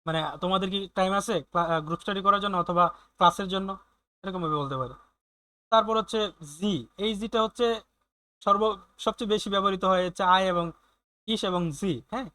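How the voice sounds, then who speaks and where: A man teaching German in an online class, explaining slowly with many fillers and often checking in with his students. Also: high-pitched, sharp tone, clean tone, no echo.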